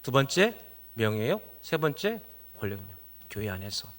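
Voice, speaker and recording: A man's voice: mid-range voice, sing-song, normal speed, a bit bright. A middle-aged male pastor preaching a Sunday sermon, who asks the congregation rhetorical questions and builds up to emphatic exclamations.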